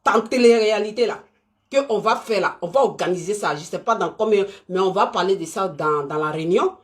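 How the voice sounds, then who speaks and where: A woman's voice: medium pitch, brisk. A woman talks live to her viewers, emphatic and repetitive. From Côte d'Ivoire. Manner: animated, emphatic and repetitive, talking straight to viewers. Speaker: live stream host. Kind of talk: unscripted live stream talk.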